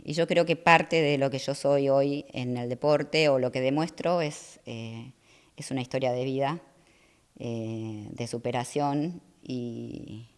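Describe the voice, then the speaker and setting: A middle-aged woman, talking as a guest in a casual interview, soft-spoken and hesitant with many fillers. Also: rumbling low, slow. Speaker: guest athlete.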